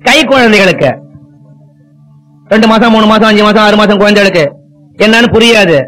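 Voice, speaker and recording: A man giving a devotional discourse, telling stories and acting out family quarrels, and chanting Sanskrit verse slowly. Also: sits high, fairly bright tone, low-quality recording. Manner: storytelling, acts out quarrelling family voices. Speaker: religious speaker. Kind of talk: devotional discourse with acted anecdotes.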